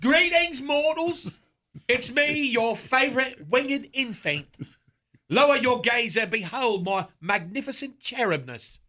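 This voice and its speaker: A cocky winged baby Cupid, put on by a man, brags. His voice sits high and swings about, bright and brassy. He tosses off crude wisecracks like a radio comedy bit. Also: lively intonation, unhurried, full character voice. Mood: pompous. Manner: boastful, bawdy wisecracking. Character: cheeky Cupid, winged baby love god.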